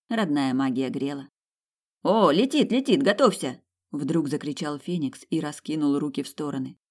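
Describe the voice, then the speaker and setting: An audiobook narrator reading a first-person fantasy romance with expressive delivery. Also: mid-range voice.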